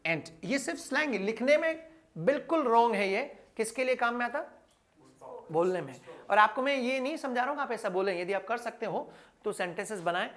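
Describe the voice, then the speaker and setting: A man's voice: very high voice, animated, brisk, fairly bright tone. A man with an Indian accent teaching a spoken English class, quizzing his listeners and repeating each answer aloud. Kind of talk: classroom lecture.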